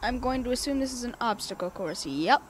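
A woman's voice: a little high, expressive, brisk, slight background noise. A woman giving let's-play commentary at home on a cheap microphone, rambling and talking to herself, repeating her questions over and over. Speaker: gamer playing on video. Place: home room.

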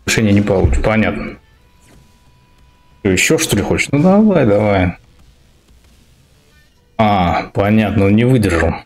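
Low-voiced young man commentating his game. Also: normal speed, long pauses. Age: young adult. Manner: muttering short, slangy reactions. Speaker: gamer commentating own play. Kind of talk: casual gameplay commentary. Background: faint game music.

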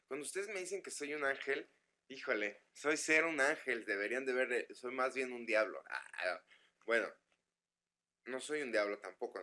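A man's voice: on the low side, bright, forceful tone. A man with a northern Mexican accent chatting casually with fans on a live webcam stream, stumbling over his words as he reads their messages aloud. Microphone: computer microphone.

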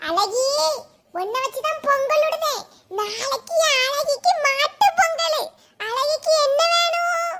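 A woman's voice: very high-pitched, a little slow, sharp tone, exaggerated voice. A woman voicing a doting village mother in a cartoon, speaking in a bossy yet affectionate way. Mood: fond. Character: doting village mother fussing over her cow.

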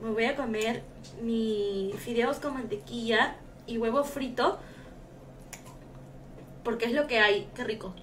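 A woman's voice: fairly high pitch, takes it slowly, long pauses, a little hiss or hum. A young woman streaming a game live, chatting with viewers, shrieking and swearing as she plays. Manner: excitable, shrieks and swears while playing.

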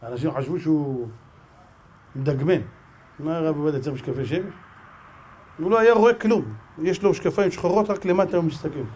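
A man's voice: a little high, long pauses, breathy edge. A man with an Israeli Hebrew accent, a rabbi giving a sermon full of stories and acting out the dialogue. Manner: animated storyteller, acts out dialogue. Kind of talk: sermon with storytelling.

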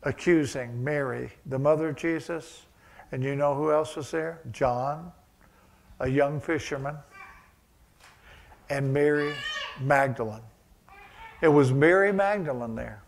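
A man's voice: on the high side, vocal fry. A male pastor preaching a sermon, mixing conversational asides with rising, emphatic passages.

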